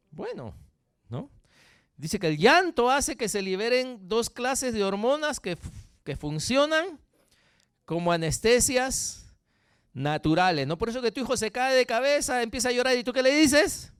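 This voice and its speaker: A Peruvian man preaching a sermon as pastor, animated and jokey, often checking in with the congregation. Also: extremely high pitch, measured pace, long pauses, clear, resonant tone, no room sound, studio quality. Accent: Peruvian Spanish. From Peru. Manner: animated, jokey, frequent tag questions to the congregation.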